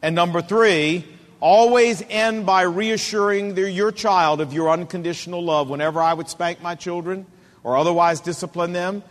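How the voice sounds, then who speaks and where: A middle-aged man preaching a sermon to men, with an emphatic, repetitive cadence, slowing down to press his points. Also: high voice, long reverb tail.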